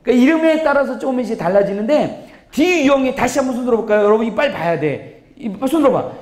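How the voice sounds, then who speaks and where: A man with a very high, bouncy voice delivers a seminar lecture in an echoey hall. He plays with his delivery, acting out little scenes in funny voices as he teaches. The sound carries the ring of a large room. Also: a little mellow. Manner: playful, acts out examples in funny voices, laughs often. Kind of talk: lively church seminar lecture.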